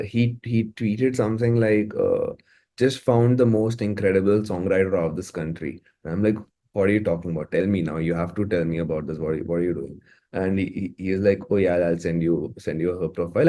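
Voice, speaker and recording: Deep and warm, this man's voice carries an Indian accent. He's a music producer being interviewed, chatting casually and effusively in conversational interview talk.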